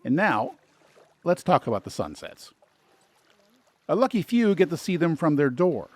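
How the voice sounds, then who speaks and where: Lively male travel-guide narrator. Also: on the high side, normal speed. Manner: dry, lightly sarcastic asides. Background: soft background music.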